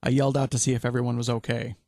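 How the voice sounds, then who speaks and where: A man and podcast host reading a first-person adventure story in a steady, measured storytelling way. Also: medium pitch, vocal fry, dry recording, clean studio sound.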